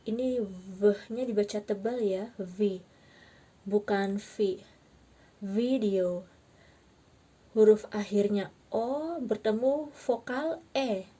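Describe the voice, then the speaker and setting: A woman teaching an English grammar lesson, slowly spelling out letters and repeating each example word. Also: mid-range voice, warm tone, slightly rough, recorded from a distance. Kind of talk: slow, careful grammar lesson.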